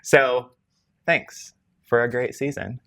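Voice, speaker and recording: A man co-hosting a casual podcast, talking in a lively, self-teasing way and jumping up in pitch for emphasis. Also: slow pace. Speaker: podcast co-host. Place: podcast recording space with camera crew. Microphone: microphone.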